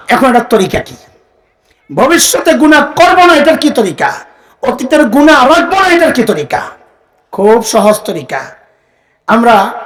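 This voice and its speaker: High-voiced man preaching, crowd call-and-response. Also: low-quality recording. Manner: call-and-response, has the crowd repeat phrases; rises to shouting for emphasis. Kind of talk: Islamic sermon to a live audience.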